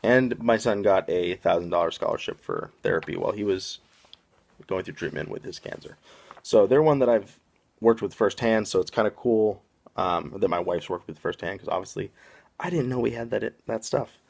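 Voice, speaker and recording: A Boston-area podcast host speaks in a fairly low, gravelly, slightly mellow voice with a rough fry at its bottom. He rambles casually, filling pauses with lots of "um"s.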